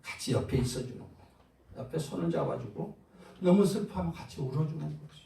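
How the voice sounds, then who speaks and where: A man's voice: very animated, brisk, creaky. Man preaching in an echoey sanctuary. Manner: call-and-response preaching, asks the congregation questions; swings between loud exhortation and soft low asides. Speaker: pastor. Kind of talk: sermon. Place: large church sanctuary. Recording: roomy echo, far from the mic.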